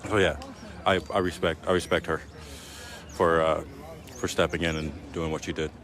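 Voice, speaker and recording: A man's voice: rumbling low, flat delivery, normal speed, a crowd in the background. A man live-streaming outdoors on a city street at night, chatting casually in a rambling, joking way with plenty of fillers. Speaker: livestreamer.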